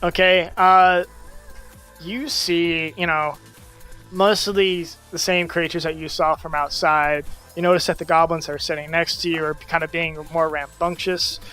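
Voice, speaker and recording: A man narrating a tabletop game as game master over voice chat, in a loose, rambling, halting way. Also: on the high side, flat delivery, sharp tone, clean tone, soft background music. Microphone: voice chat mic.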